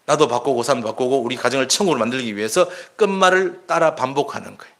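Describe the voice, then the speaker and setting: A man's voice: medium pitch, fast talker, a bit bright. A male pastor, preaching in an earnest, conversational way. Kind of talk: sermon.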